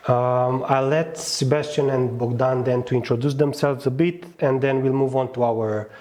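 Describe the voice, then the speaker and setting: A man with a Romanian accent hosting a live outdoor panel event, speaking haltingly with frequent fillers and restarts. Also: medium pitch, steady tone, darkish tone. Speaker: event host. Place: outdoors at a fortress on a hot day.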